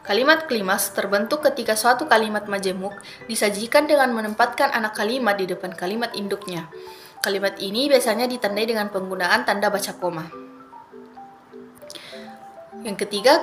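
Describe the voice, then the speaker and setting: A young woman, a university student, reading her assignment aloud as a steady, methodical class presentation, working through definitions and numbered lists. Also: mid-range voice. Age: young adult.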